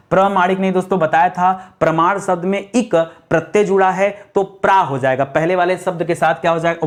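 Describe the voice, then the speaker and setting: A man teaching an exam-prep spelling lesson, repeatedly quizzing his students with questions. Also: a little high. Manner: repetitive quiz-style questions to students. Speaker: Hindi teacher.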